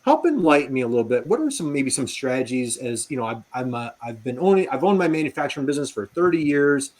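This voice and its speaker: A man's voice: mid-range voice, sing-song, fast talker, a little mellow. A man hosting a live video interview show, chatty and enthusiastic, rambling with fillers and building long questions around hypothetical scenarios.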